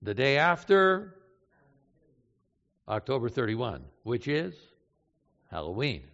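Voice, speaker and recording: An older man preaching a sermon, telling a story with loud emphatic lines and hushed low ones. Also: big pitch swings, slow. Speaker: pastor. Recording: dull sound in a reverberant hall.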